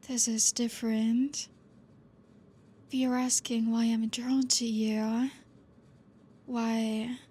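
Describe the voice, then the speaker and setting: In an ASMR roleplay, a woman voices a protective, possessive vampire teacher. Her slightly high, breathy voice stays soft-spoken and calm, with a quiet command, often slipping into whispers.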